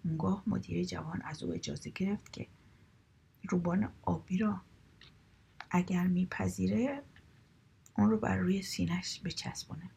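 A woman narrating short stories in a calm, steady, conversational reading voice. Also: on the low side, gravelly, long pauses, slightly rough. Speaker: story reader. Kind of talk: colloquial storytelling narration.

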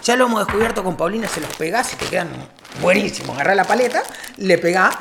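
A woman with an Argentine accent co-hosting a playful game chat, teasing and loud, stumbling over words when rushed. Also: mid-range voice, expressive, gravelly, background noise. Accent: Argentine Spanish. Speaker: co-host.

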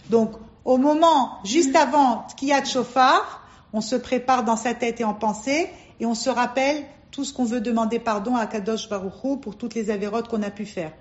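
A woman teaching a religious class to a group of women, emphatic and asking and answering her own questions. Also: fairly high pitch. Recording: dull lo-fi recording.

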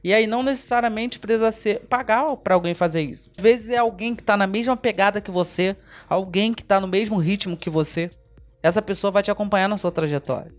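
A man's voice: high-pitched, fairly quick, faint music behind. A Brazilian man hosting a motivational podcast, emphatic and repetitive, speaking straight to the listener as a mentor. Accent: Brazilian Portuguese.

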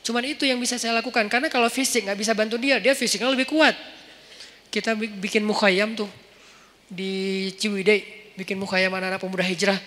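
A man preaching in a casual, storytelling way with a light touch, acting out dialogue with lively shifts of voice in a large mosque hall. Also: high voice, a little fast. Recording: long hall reverb.

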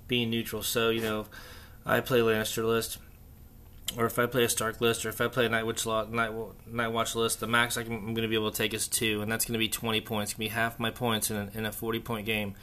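A man hosting a casual, unscripted solo hobby chat, thinking aloud haltingly in an echoey, stripped-out bunker room. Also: on the low side, pushed and bright. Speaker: podcast host. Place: echoey indoor room under renovation, torn-out walls.

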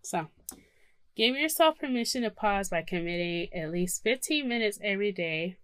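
Low-voiced woman podcaster, dry close sound. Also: no room sound. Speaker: podcast co-host. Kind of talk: casual chat mixed with reading self-care advice aloud.

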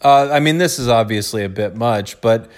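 A man co-hosting a podcast, chatting casually and reading out a listener's letter, now and then dropping into a quick joke voice. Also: medium pitch. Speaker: podcast co-host.

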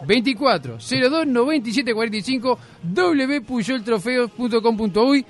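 A man co-hosts a radio show with a high voice. He trades quick jokes and reads sponsor details in a chatty way. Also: expressive. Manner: joking, quick quips. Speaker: radio co-host. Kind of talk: banter and sponsor mentions.

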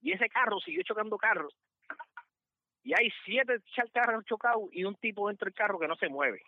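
On a podcast, a guest storyteller with a high-sitting voice spins funny work stories at a moderate pace. He's animated and acts out the voices of the people involved, recorded through a dry, somewhat dull mic.

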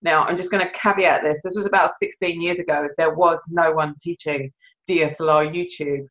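A woman guest tells her career story in an animated, rambling way, often laughing at herself. Her voice comes through dull, slightly muffled remote-call audio. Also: low-pitched, fairly quick. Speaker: filmmaker and guest. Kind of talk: conversational interview storytelling.

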